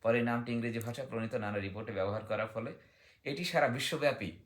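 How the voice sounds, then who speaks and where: A man with a medium-pitched voice talks quickly as a guest on a book discussion. His style is instructive: he reads aloud now and then, and he asks himself questions before answering them.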